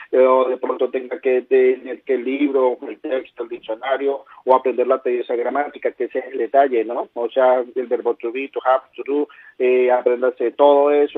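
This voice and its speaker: Man, school director, sales pitch by phone; husky voice, thin telephone sound, no room. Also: no echo. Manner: salesy pitch, peppered with "¿sí?" checks. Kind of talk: promotional phone interview. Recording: tinny dry phone line.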